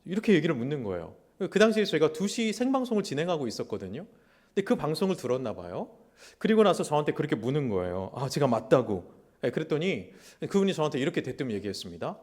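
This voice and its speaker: Animated, loud-voiced male pastor preaching. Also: fairly high pitch, fast talker. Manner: animated, acts out God's and people's words in quotes. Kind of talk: sermon. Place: church sanctuary.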